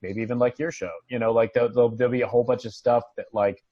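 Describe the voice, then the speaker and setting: An American actor, a guest on an online video call from home, chats casually in a rambling, conversational way. His medium-pitched voice is level in tone and rapid-fire, and the audio is dull with no room sound.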